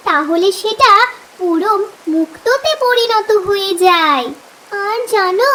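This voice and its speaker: A woman's voice: extremely high pitch, fairly bright tone, poor audio. A woman voicing a frightened young mermaid in a cartoon story, speaking in a tearful, pleading way. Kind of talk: cartoon voice acting.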